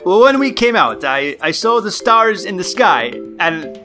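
A man's voice: sits high, big pitch swings, a little slow, bright, forceful tone, faint music behind, pitched above the performer's own voice, heavily acted. A man voicing a rescued male diver in a clumsy mock Nigerian accent. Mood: awed. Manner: self-admittedly clumsy accent attempt.

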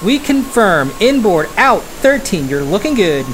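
A woman's voice: medium pitch, big pitch swings, unhurried, faint music behind, low-quality recording. Woman acting a clipped mission control announcer. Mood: calm, official. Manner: clipped, procedural. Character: steady, official mission control countdown announcer. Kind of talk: space mission radio re-enactment.

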